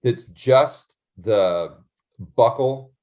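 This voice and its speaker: A man hosting a casual interview, speaking in an earnest, animated and agreeable way. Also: medium pitch, very slow, highs cut off. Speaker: interview host.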